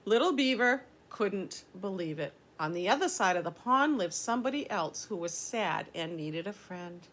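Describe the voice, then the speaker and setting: A woman's voice: medium pitch, expressive, normal speed, few pauses, fairly bright tone. An older woman reading a children's story aloud, explaining things simply as a teacher would to young listeners.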